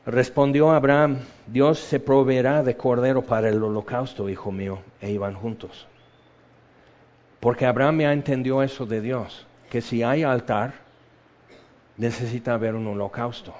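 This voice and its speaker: A man's voice: medium pitch, moderate pace. Passionate male preacher, dull lo-fi sound. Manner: passionate, shifts between loud emphasis and soft hushed tones; reads scripture then acts out quoted voices. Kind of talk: sermon.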